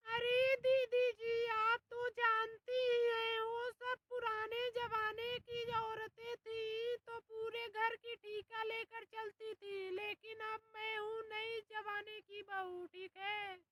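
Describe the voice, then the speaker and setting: A woman's voice: very high voice, level tone, slow pace, few pauses, a bit bright, slight background noise, full character voice. A woman playing a defiant young daughter-in-law in a comedy sketch, brash and threatening. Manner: brash, threatening, ends lines with "theek hai?".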